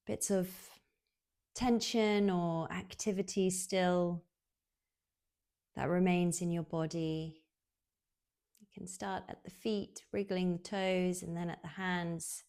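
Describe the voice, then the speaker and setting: This yoga nidra guide, a woman, leads a relaxation meditation in a calm, unhurried manner, letting long pauses sit between phrases that trail off soft and breathy. Her voice is lowish and her intonation stays fairly even.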